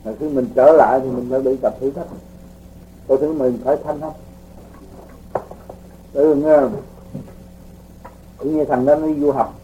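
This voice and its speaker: A man teaching spiritual practice in a relaxed, folksy way, explaining with homely examples to his students. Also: mid-range voice, unhurried, pauses often, narrow, tinny audio, slight background noise. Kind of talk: casual spiritual teaching talk.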